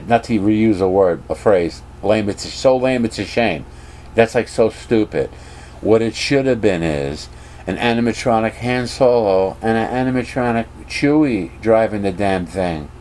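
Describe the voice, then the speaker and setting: Rambling, opinionated man with a lowish voice. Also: animated, measured pace, darkish tone, slight background noise. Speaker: vlogger. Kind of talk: casual opinion rant.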